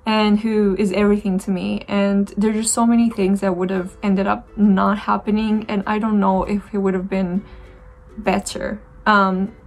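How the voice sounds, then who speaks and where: A Romanian woman in her twenties, a beauty vlogger with a Romanian accent, chats casually and reflectively to the camera while applying her makeup, using lots of fillers and restarting sentences. Her throat sounds dry. Her medium-pitched, darkish voice is flat and moves at a normal speed.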